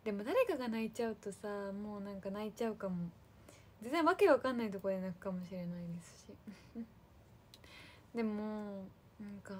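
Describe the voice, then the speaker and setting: Woman on a fan livestream, chatty and soft, thanking people by name, mid pitch, faint hiss behind. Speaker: idol livestream host. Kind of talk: casual livestream chat with fans.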